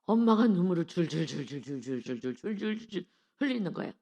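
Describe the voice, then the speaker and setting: A woman preaching an early-morning sermon, acting out quoted voices and swinging between soft and loud. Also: fairly low pitch, very animated, brisk. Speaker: pastor.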